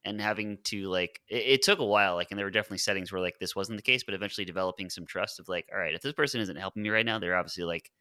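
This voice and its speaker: A man in casual podcast chat, reflecting in halting speech full of fillers. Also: deep voice, bright, forceful tone, clean tone, no room sound, studio quality. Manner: halting, many filler words. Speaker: podcast guest, former band member.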